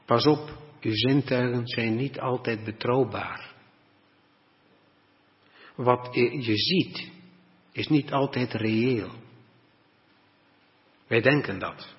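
A man preaching a sermon, reading Bible passages in a deliberate, old-fashioned way and explaining them. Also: medium pitch. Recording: dull lo-fi recording with long reverb.

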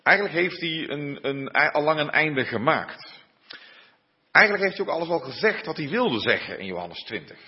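A man preaches a sermon, pausing and hesitating as he goes, then reads a Bible passage aloud. His voice is a little husky. He sounds dull and muffled, with a long reverberant tail from the church hall. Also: on the high side, big pitch swings. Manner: unhurried, with frequent hesitations and fillers. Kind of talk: sermon with scripture reading.

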